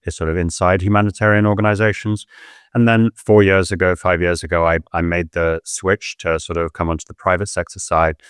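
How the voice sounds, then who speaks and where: Middle-aged male guest, very low smooth voice, dry close mic, measured explanations. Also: no echo. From Pakistan. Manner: measured, explanatory, with hedging fillers. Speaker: guest, humanitarian adviser. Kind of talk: casual interview chat.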